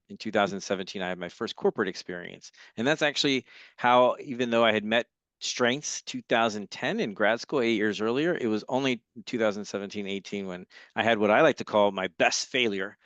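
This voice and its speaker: A man from Los Angeles, a guest facilitator, talking enthusiastically in a conversational interview over a video call, telling lively stories. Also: lowish voice, clean tone, no echo, lo-fi sound. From Los Angeles, United States.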